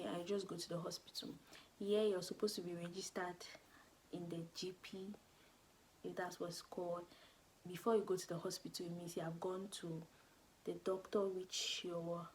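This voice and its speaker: A young woman from Cameroon with a Cameroonian accent, chatting casually to her camera in a slangy, animated way. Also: lowish voice, slight background noise, low-quality recording. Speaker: YouTuber. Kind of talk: casual vlog talk to camera.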